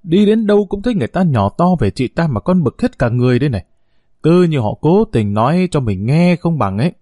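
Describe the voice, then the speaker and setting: A man's voice: on the high side, very animated, brisk, warm tone, dry recording, studio quality, pitched above the performer's own voice. A man voicing an outspoken, heated young woman who complains bluntly in an audio story. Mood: indignant.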